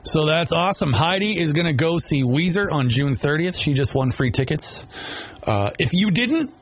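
An American man hosts a radio contest promo in a fairly high male voice. He banters and teases playfully. There is some noise and clicking on the recording. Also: lively intonation, normal speed. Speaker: radio host.

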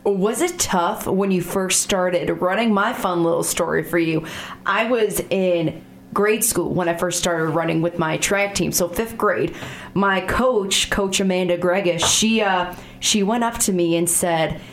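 A woman's voice: on the low side, a little slow, echoey room, slight background noise. A woman hosting a TV interview show in a studio, upbeat and chatty. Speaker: TV show host.

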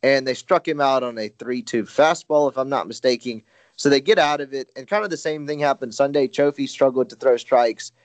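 A man breaks down a game in casual podcast chat, his middle-pitched voice recorded close and dry. He rambles, stops to correct himself and fills gaps with "uh". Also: brisk, dry recording. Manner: rambling, frequent self-corrections and fillers. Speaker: sports podcast co-host.

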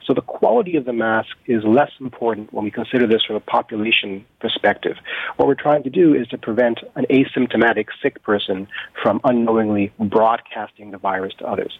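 Husky man on a tinny phone line. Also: on the low side, brisk, dry recording. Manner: articulate, academic. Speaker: expert guest, epidemiologist. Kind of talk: explanatory interview answers.

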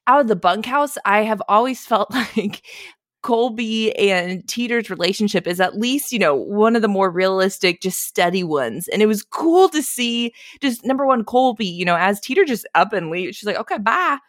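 Woman cohost gushing about a show, mid pitch, dry close mic, excitable. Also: normal speed, dry recording. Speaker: podcast co-host. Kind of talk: casual TV recap chat.

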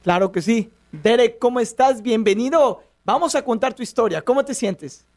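A male radio host with a notably high voice and a gravelly edge. He speaks with upbeat announcer energy from the studio. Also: animated, normal speed. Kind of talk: radio interview hosting.

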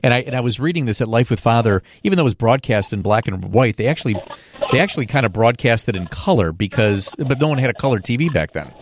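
A man's voice: mid-range voice, expressive, quick pace, background noise. A man hosting a radio interview in an easygoing way, with many fillers. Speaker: radio host.

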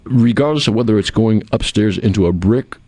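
A man's voice: lowish voice, brisk, darkish tone, dry recording. A man hosting a radio show in casual interview chat, rambling and rephrasing as he goes.

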